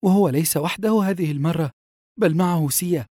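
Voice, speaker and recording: A man's voice: fairly high pitch, a little fast, mellow, no echo, studio quality, voice pushed up, lightly acted. A man voicing an anxious, fearful grown daughter in an audiobook. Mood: soothing. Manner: soothing, fearful.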